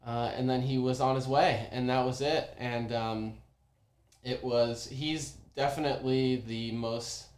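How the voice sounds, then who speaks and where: A young man casually telling a personal story, animated, with many ums and restarts. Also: medium pitch, measured pace. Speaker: former oyster bar worker telling a story. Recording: roomy echo.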